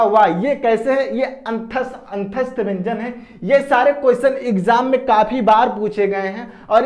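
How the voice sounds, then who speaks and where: High-voiced man teaching grammar. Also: a little mellow. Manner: asks questions and answers them himself; repeats key terms, drawing out syllables. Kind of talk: exam-prep lecture.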